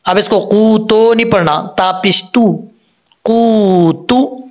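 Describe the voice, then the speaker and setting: A man teaching Quran recitation, explaining each sound patiently step by step and chanting the verses slowly. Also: sits high, fairly bright tone. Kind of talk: tajweed lesson with recitation.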